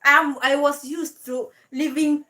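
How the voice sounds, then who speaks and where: A woman's voice: high-pitched, steady tone, slow pace, sharp tone. A young woman hosting a live stream, giving mocking commentary and laughing between remarks.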